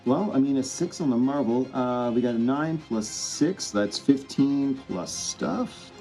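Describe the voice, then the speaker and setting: A man's voice: medium pitch, expressive, a little slow, loud music behind the voice. A man playing in a tabletop game, thinking aloud and rambling. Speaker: player.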